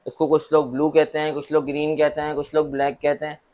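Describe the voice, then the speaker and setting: Shopkeeper rattling off phone specs. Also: male voice, fairly high pitch, monotone, a little mellow. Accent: Pakistani Urdu. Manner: brisk, lists specs, repeats "okay?" to check understanding. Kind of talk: sales pitch to camera. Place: mobile phone shop in a market.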